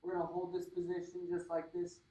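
A man coaching a kids' workout, out of breath, cheering people through holds and then calmly guiding stretches. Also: high voice, brisk. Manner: energetic hype shouting during sets, calmer during stretches. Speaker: fitness instructor. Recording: echoey room, mic at a distance.

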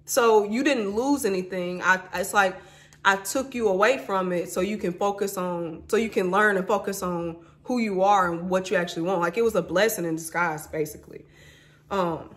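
In this personal vlog, a twenty-something vlogger from Mississippi opens up to her viewers with raw emotion, addressing them as y'all and honey. She speaks at a moderate pace in a voice that sits on the low side and carries a bit of brightness.

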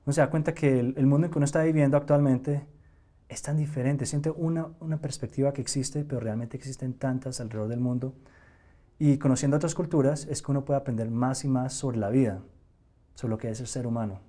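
A young Nicaraguan man, a mentalist, answers interview questions on a TV studio set in a mellow, medium-pitched voice, steady and fairly quick. He's casual and reflective, using fillers and restarts.

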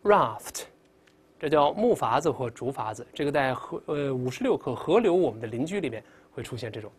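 A man's voice: medium pitch, expressive, quick pace, a little mellow, breathy edge. A male English teacher giving a vocabulary lesson, calling out drill words and coaching pronunciation.

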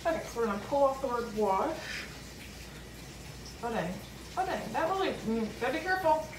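Her voice fairly high and quick, with big swings in pitch, a middle-aged woman thinks aloud while decorating her small laundry room for a casual home vlog. The recording comes from a camera or phone set a few feet off, leaving it roomy, distant, and noisy behind her.

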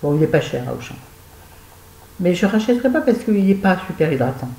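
Woman, casual vlog chat, self-mocking, wry, mellow warm voice, roomy echo. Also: on the low side, sing-song, brisk. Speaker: beauty vlogger reviewing used-up products. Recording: roomy echo, faint background noise.

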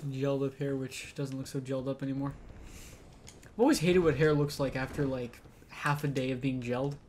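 A man's voice: mid-range voice, steady tone, a little fast, darkish tone, a little hiss or hum. A man bantering and joking casually while watching a video game being played. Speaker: let's play co-host. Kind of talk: casual gaming chat.

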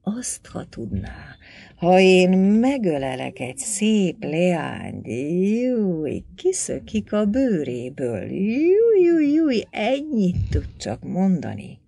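A woman's voice: fairly low pitch, big pitch swings, gravelly, few pauses, mellow, no room sound, exaggerated voice. A woman voicing a sly, fawning little bearded village priest in an audiobook, cooing and crooning. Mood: playful. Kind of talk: audiobook character voice.

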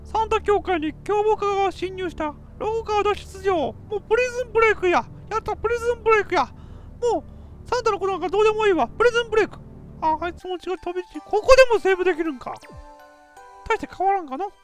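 Very high-voiced woman in old-fashioned dialect. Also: quick pace, faint music behind. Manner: talks in old-fashioned elderly dialect, playful and boastful. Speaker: game commentator. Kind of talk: casual let's play commentary.

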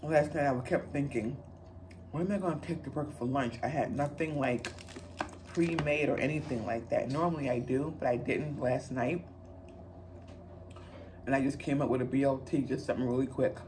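A woman's voice: a bass voice, steady tone, moderate pace, a little mellow, slight background noise. A middle-aged woman chatting casually to viewers as she eats, talking while chewing. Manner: chewing while talking, mouth often full. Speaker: vlogger on a lunch break. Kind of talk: casual eat-with-me chat. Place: small indoor room at work.

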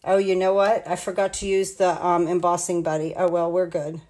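With a fairly low, darkish voice that barely moves in pitch, a woman in her sixties from the United States speaks at a moderate pace. She demonstrates card making live at her home craft table, rambling chattily through each step.

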